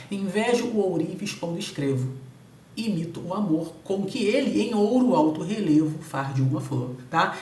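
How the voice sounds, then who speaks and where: A man's voice: fairly high pitch, a little hiss or hum. Brazilian man teaching a video lesson, explanatory, keeps checking in with tag questions; roomy, slightly distant sound. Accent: Brazilian Portuguese. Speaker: literature teacher.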